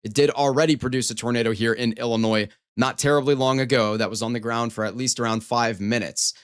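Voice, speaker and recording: A man's voice: mid-range voice, fairly even intonation, fast, clear, resonant tone. A man hosting a live storm coverage stream, giving running weather commentary in an emphatic, repetitive way. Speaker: storm coverage livestream host.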